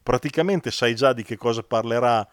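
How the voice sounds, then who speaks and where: A man's voice: medium pitch, moderate pace, clean tone, dry recording, studio quality. A man in casual back-and-forth film chat, agreeable and often confirming what is said.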